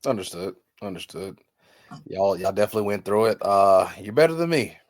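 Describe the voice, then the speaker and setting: A man in his thirties hosting a podcast, talking in an earnest, heartfelt way with many halting restarts. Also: lowish voice, lively intonation, no echo, studio quality. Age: 30s. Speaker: podcast host. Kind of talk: casual chat.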